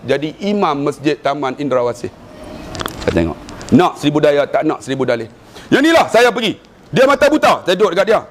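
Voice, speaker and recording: Malaysian Malay-accented male preacher, high voice, lively joking storyteller. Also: brisk, a little hiss or hum. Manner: animated storytelling with jokes and chanted recitation. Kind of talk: humorous sermon.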